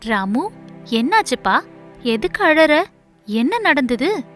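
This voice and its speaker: A man voicing a caring village mother who speaks softly and coaxingly, in a storybook reading. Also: very high voice, normal speed, soft background music, voice pushed up. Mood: tender. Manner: soft, coaxing, affectionate. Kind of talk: storybook voice acting.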